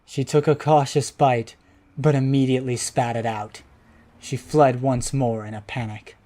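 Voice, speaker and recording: Man, children's storybook narration, calm, even, mellow tone. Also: medium pitch, measured pace.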